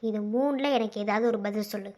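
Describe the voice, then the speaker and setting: A woman's voice: mid-range voice, fairly quick, mellow, natural voice. A woman voicing a young man in a cartoon love story, urgently pleading with the girl he loves to confess her feelings. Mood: insistent.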